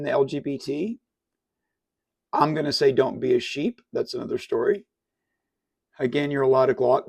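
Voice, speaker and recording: A man fires off exasperated questions in a mock interview. His voice sits a little high and turns gravelly at the ends of phrases. The recording is very dry and close. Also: no room sound. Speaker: satirical interviewer.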